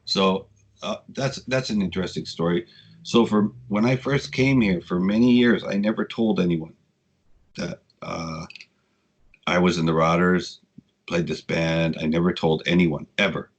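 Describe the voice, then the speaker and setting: A man in his sixties, a guest telling casual, rambling stories with frequent swearing, getting animated when he quotes people. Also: low-pitched, a little slow. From United States. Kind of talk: casual storytelling interview.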